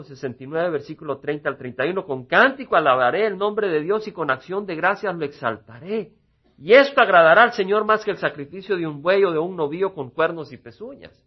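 A male pastor preaches a sermon in a husky, slightly raised voice. He swings from loud emphasis to quiet asides and acts out small dialogues along the way. The recording sounds dull and lo-fi. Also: on the high side. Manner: acts out little quoted dialogues.

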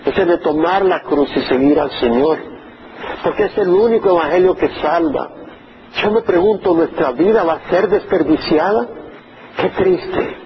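A man's voice: fairly high pitch, unhurried, lo-fi sound, a little hiss or hum. A male pastor preaching a sermon in an earnest, urging way, building his points through repeated phrases.

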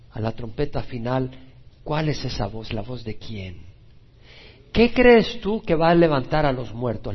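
Gravelly, husky male pastor preaching. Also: medium pitch, lo-fi sound. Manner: rises to loud emphatic exclamations. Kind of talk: sermon, Bible teaching.

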